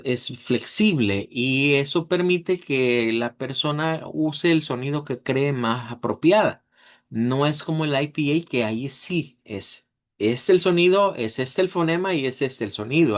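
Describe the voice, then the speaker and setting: A man teaching a language class, patient and methodical, repeating example words several times. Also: mid-range voice. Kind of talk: online class lesson.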